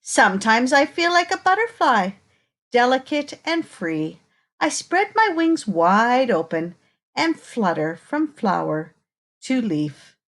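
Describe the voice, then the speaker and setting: A woman with a fairly high-pitched voice reads a children's picture book aloud, expressive and unhurried. She pauses now and then to ask young listeners inviting questions.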